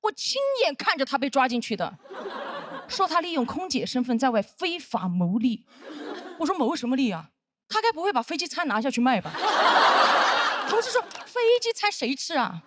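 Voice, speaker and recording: A young woman telling a stand-up comedy story on stage, lively and playful, jumping into voices for the people she quotes. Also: high-pitched, heavy background noise. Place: comedy stage with live audience.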